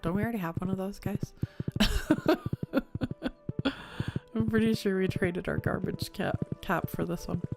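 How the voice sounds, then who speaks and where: A woman's voice: medium pitch, fairly even intonation, measured pace, creaky, long pauses. A woman live-streaming a farming game, chatting casually with viewers and reading their messages aloud, sympathetic and swearing freely. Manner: talks to chat directly, reads messages aloud.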